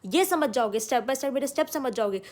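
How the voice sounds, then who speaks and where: A woman's voice: sits high, animated, moderate pace. A woman teaching an online exam-prep lecture, talking emphatically and calling her students "beta". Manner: emphatic, addresses students as "beta", mixes English terms. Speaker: commerce tutor.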